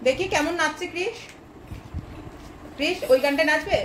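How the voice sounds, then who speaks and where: A young woman with a high, light voice chats to her small child while filming a home video. Her speech is playful and coaxing, full of baby talk. A faint hiss sits under the recording. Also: moderate pace, fairly bright tone. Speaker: mother filming her toddler.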